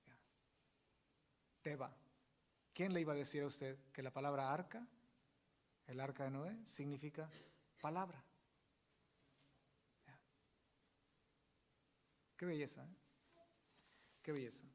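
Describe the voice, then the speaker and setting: A man's voice: a little high, slow, long pauses, reverberant. A man preaching a sermon as pastor, emphatic and explaining Hebrew words to his congregation. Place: church sanctuary.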